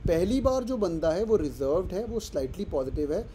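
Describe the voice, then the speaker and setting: A man's voice: high voice, sing-song, brisk, dark tone, slight background noise. A man teaching vocabulary in an online class, playful and teasing, switching between explanation and little skits of his students.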